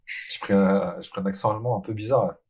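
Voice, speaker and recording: A man's voice: on the low side, fairly even intonation, quick pace, a little mellow, breathy edge. A man hosting a casual live stream, chatting with a guest, reading out viewer questions and laughing often. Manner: laughs often, reads chat questions aloud. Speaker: host.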